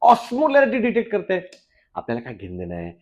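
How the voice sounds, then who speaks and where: Joking, quizzing male biology teacher. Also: huge pitch swings. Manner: quizzes students with repeated questions, teasing and joking; drops to a quick low voice for asides. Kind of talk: lively classroom lecture.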